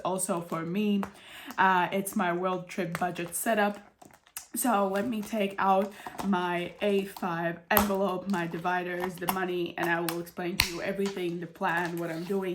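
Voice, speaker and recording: Through a blocked nose, this budgeting channel host from Europe chats casually with her viewers while explaining things. She has a cold and a runny nose, so her fairly low voice sounds congested and nasal, and a little hiss or hum sits in the background.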